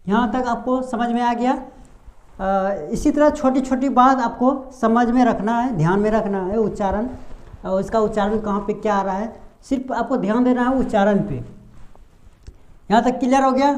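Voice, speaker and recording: A woman teaching a pronunciation lesson patiently and step by step, pausing on drawn-out fillers and asking the class rhetorical questions. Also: on the high side, darkish tone. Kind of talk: blackboard-style lesson explanation.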